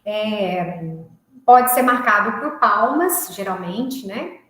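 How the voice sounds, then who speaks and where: A woman's voice: medium pitch, expressive, slow pace, fairly bright tone. A woman music teacher explaining a recorded class, often checking in with short tag questions. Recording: very echoey room.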